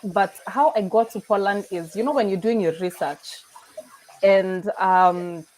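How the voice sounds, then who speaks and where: A woman's voice: mid-range voice, a little slow, darkish tone, low-quality recording. A young Kenyan woman with a Kenyan accent, chatting as a guest on a video call, laughing often and slipping into Swahili. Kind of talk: casual interview chat.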